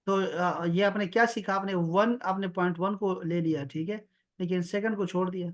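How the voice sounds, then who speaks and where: A man's voice: high-pitched, fairly even intonation. A man gives an online Arabic lesson over a video call. He explains patiently and drags out the words he wants the student to repeat. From Pakistan. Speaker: Arabic teacher. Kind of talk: online one-on-one language lesson.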